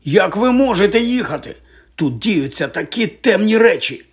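A man's voice: medium pitch, fairly quick, lightly acted. A man voicing an earnest, incredulous young schoolboy wizard.

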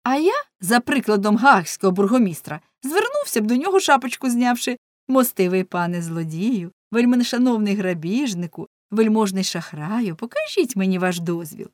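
A woman voicing a fiery young male prankster who loudly and urgently harangues a crowd. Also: mid-range voice, big pitch swings, moderate pace, dry recording, clean studio sound, lightly acted. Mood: mocking. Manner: loud, urgent, indignant preaching.

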